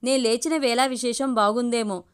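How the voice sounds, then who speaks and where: A woman's voice: a little high, fairly even intonation, moderate pace, smooth, close to an everyday voice. A woman reading the lines of a good-humored middle-aged father who teases his wife, in a light, bantering way. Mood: teasing.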